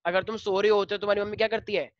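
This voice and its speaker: A male teacher with an Indian accent explaining biology to a class, switching between Hindi and slowly dictated English lines. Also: sits high, flat delivery, no echo, highs cut off.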